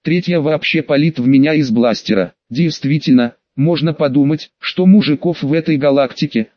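Man reading sardonic weary male cop, impatient, slightly high voice, dull dry audiobook sound. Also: moderate pace, dry recording, lightly acted. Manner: mocking, impatient.

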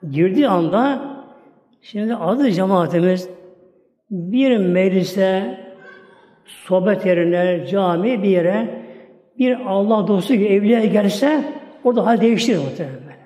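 Male preacher, high mellow voice, folksy storytelling sermon, reverberant hall. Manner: folksy, repeats filler words, addresses listeners as honored ones.

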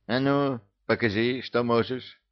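A man's voice: deep voice, expressive, takes it slowly, dull audio. A man voicing an irritable male devil who runs hell like an office, hissing and barking orders, in an audiobook. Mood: snapping, furious. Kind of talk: audiobook character voice.

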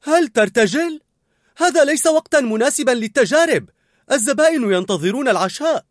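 Man doing a sharp young woman cook. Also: high voice, very animated, brisk, dry recording, studio quality, pitched above the performer's own voice. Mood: sharp, scolding. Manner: sharp, scolding.

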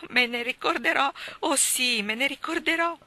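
A woman's voice: sits high, moderate pace, bright, forceful tone, voice pushed up. Nat, a woman reading a tearful boy. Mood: pleading. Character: ashamed tearful young boy. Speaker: reader voicing a character. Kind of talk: audiobook dialogue.

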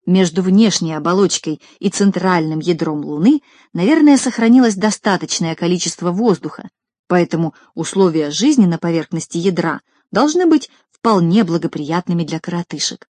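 Expressive woman reading a storybook. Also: lowish voice, moderate pace, no room sound. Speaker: audiobook reader. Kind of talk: scripted storybook narration.

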